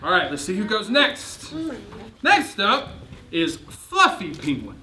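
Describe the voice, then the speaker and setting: An animated, high-pitched man slowly reads a storybook to a group of children, playful and theatrical, asking them questions along the way. He's a children's storyteller and church kids' ministry host, recorded in a noisy, echoey room with clicks.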